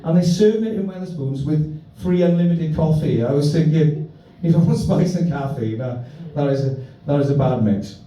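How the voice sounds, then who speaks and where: A man's voice: a little high, normal speed, hardly any pauses, warm tone. A man with a South Wales Valleys accent telling stand-up anecdotes in a matey, sweary, self-deprecating way. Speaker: stand-up comedian. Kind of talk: live stand-up comedy, anecdotal storytelling. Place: indoor live comedy venue. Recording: echoey venue, distant muffled mic, faint noise.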